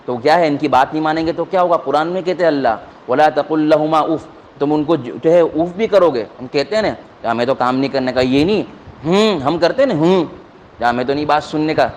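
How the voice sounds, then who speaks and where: A man's voice: fairly high pitch, a little hiss or hum. A male religious teacher giving a simple moral talk to students, asking questions and answering them himself. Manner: plain conversational speech with many fillers.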